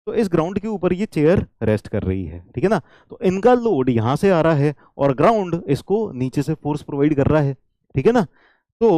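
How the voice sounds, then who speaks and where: Guy teaching engineering, bouncy up and down voice, kinda mellow tone, keeps asking the class if it's clear. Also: on the high side, no echo. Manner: checks in often with the class, repeats key points; switches into English lines. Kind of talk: engineering lecture.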